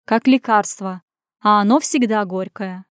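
A woman's voice: medium pitch, a little slow, smooth, no room sound, studio quality, natural voice. A woman reading an audiobook, voicing a brash female friend who speaks bluntly and gives orders. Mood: bossy. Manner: bossy, blunt, commanding.

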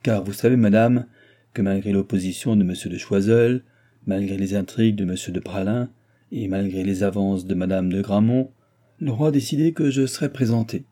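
A proud, worldly countess, as a male reader puts her on, assured and haughty. The low, very dark voice of the reader shows through in this storybook reading. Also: moderate pace, lightly acted.

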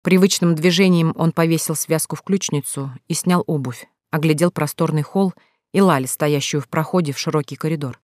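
An audiobook narrator reading a novel in an even, measured storytelling voice. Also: medium pitch, no room sound, clean studio sound. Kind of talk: scripted narration.

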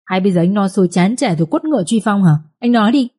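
A woman's voice: mid-range voice, expressive, fast talker, darkish tone, slightly rough. Woman voicing a jilted, pleading young village girl. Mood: hurt. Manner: pleading, tearful.

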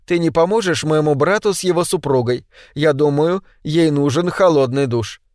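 A man reading an audiobook, voicing a calm, composed young woman. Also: a little high, very slow, dry recording, studio quality. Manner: calm, even. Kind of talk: audiobook character voice.

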